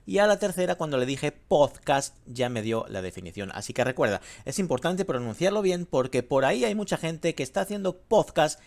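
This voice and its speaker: A man hosting a language lesson podcast, explaining in a lively, teacherly way. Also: a little high, brisk, gravelly, few pauses. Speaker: host.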